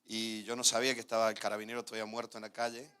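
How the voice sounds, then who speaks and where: A man's voice: on the low side, monotone, very fast, clear, resonant tone. A man with an Argentine accent, a pastor telling a personal testimony during a sermon, laughing often as he tells the story. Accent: Argentine Spanish. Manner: storytelling, laughs often, dips quiet then rises.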